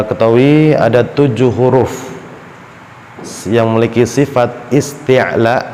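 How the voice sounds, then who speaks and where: A man teaching Quran recitation in a tajweed lesson with an Indonesian accent, slowly drawing out each syllable as he demonstrates. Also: medium pitch, darkish tone. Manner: slow, drawn-out syllable-by-syllable demonstration. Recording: roomy hall with long reverb, faint background hum.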